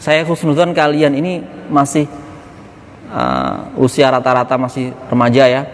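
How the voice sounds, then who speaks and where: A man giving an informal, animated religious lesson to young students. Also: medium pitch, measured pace, big-room sound, a little hiss or hum. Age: 30s. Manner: animated, acts out classmates' quips. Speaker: ustadz teaching students.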